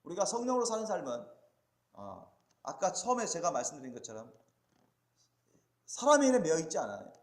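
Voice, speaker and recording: A high-voiced male pastor preaches with a lively, sweeping pitch, rising to loud emphatic peaks and dropping to quiet asides. He keeps turning to his congregation with questions and calls for a response. The sound rings around a reverberant church sanctuary. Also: fairly quick, long pauses. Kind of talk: sermon.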